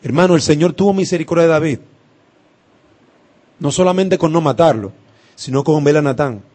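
Male preacher, passionate sermon, slightly high voice, loud then hushed. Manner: impassioned, swinging from loud to hushed, with emphatic pauses.

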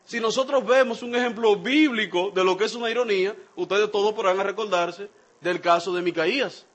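A man delivers a sermon in a fairly high voice. He speaks straight to his congregation in an animated way, slipping into different voices when he quotes people. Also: fairly quick, dull audio. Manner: animated, acts out quoted speech with shifting voices; addresses the congregation directly. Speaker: preacher.

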